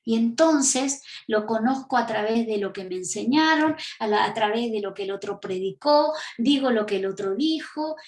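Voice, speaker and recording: Woman preacher, Argentine accent, fairly high voice, emphatic rhetorical questions, echoey church hall. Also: animated, normal speed, few pauses, darkish tone. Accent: Argentine Spanish. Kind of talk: sermon teaching. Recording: echoey room.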